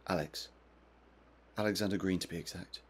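Against noisy background ambience, an actor with a deep, steady, natural voice plays a distressed, confused man in his twenties in a video game. The character, suspected by police, is agitated and defensive, yet his delivery is subdued and explanatory at normal speed.

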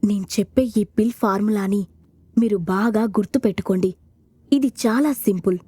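A woman's voice: very high-pitched, normal speed, no room sound, pitched above the performer's own voice. A woman voicing a sly young man who teases his rivals, in an audio storybook. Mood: mocking. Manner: teasing, mocking.

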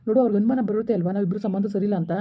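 A woman's voice: medium pitch, husky, close to an everyday voice. A woman playing a stubborn young husband. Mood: insistent. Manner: quick, insistent, argumentative. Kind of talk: village family drama acting. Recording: dull lo-fi recording.

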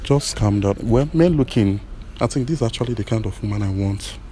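A low, mellow-voiced man who speaks in soothing, halting phrases. He keeps repeating himself as he tries to comfort someone, and faint ambience hums in the background. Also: lively intonation, slight background noise. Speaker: blind date contestant. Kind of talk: emotional unscripted conversation.

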